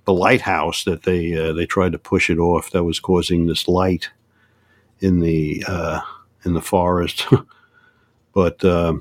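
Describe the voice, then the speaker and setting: Older male podcast guest, low voice, dry close sound, halting delivery with many restarts. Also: level tone, dry recording. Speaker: guest on UFO topics. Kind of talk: casual podcast conversation.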